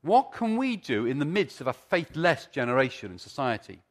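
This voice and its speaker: Male preacher, mature, lively intonation, conversational storytelling style with rhetorical questions. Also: medium pitch, normal speed. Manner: conversational, repeats phrases for emphasis, rhetorical questions. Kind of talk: sermon with storytelling and teaching.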